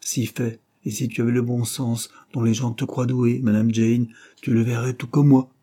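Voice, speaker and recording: A man's voice: mid-range voice, little pitch movement, normal speed, dark tone, natural voice. A male narrator voicing a petulant young man who pleads and sulks in an audiobook. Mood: petulant pleading. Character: sulky restless young man student. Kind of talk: audiobook character reading.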